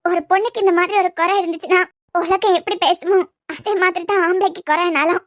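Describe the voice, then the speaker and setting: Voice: very high voice, fairly even intonation, quick pace, fairly bright tone, no room sound. A voice artist playing a tearful, stubborn young wife in a cartoon serial, with a Kanyakumari Tamil accent. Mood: defiant. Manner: pleading yet stubborn.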